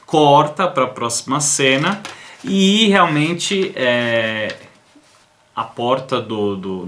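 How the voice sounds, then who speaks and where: A man's voice: mid-range voice, bright, forceful tone. A man with a Brazilian accent, hosting a cartoon review and casually retelling an episode scene by scene, quoting the characters in his own plain voice. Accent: Brazilian Portuguese.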